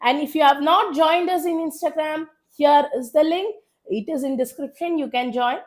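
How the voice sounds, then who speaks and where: This chemistry teacher, whose South Indian accent and high voice are roughened by a cold, urges students through a live online revision session at a moderate pace. Short phrases get repeated again and again to drive points home.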